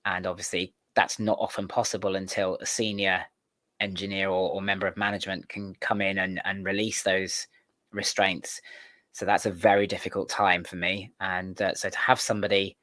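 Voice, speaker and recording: A man's voice: deep voice, little pitch movement, normal speed, bright, forceful tone, dry recording. A man hosting a casual studio interview, talking in a rambling, earnest way. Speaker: podcast host.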